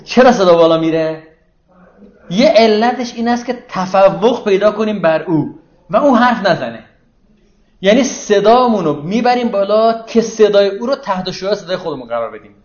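A man with a fairly high voice teaches scripture in a relaxed, conversational way, often posing questions to his listeners. The recording is echoey and a little dull, like a lo-fi room recording. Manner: conversational, explains with rhetorical questions to the audience. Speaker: religious teacher. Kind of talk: informal lecture on Quranic verses.

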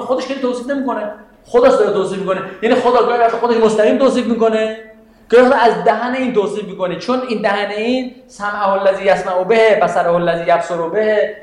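A man with a fairly high voice teaches a Quranic exegesis class. He explains step by step, quotes Arabic verses and puts questions to his students. The classroom is very echoey. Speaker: religious teacher.

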